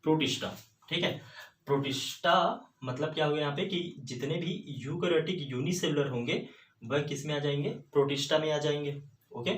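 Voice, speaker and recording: Male teacher, patient step-by-step lecture, recorded from a distance in a roomy space. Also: a little high. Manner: explanatory, keeps saying "theek hai" and asks rhetorical questions. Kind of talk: classroom lecture explaining biology. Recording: roomy echo, distant mic, faint room noise.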